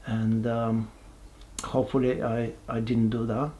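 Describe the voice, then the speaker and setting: A man, giving a halting, reflective personal testimony with many pauses and restarts. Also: mid-range voice, level tone, warm tone, slight background noise. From Bulgaria. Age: 40s. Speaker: person sharing his life story.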